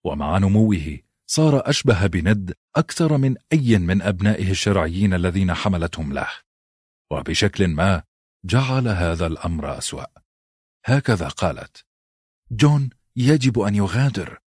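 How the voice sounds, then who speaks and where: A man narrates an audiobook with a very deep, husky voice. His reading is even and steady. The recording is close and dry. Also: moderate pace, dry recording. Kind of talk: scripted narration.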